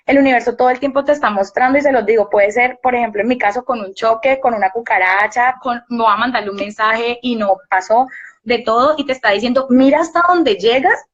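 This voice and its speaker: A woman's voice: on the high side, steady tone, fast talker, muffled recording. A young woman, a university teacher talking earnestly and reflectively as a guest in a casual live-stream chat. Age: young adult.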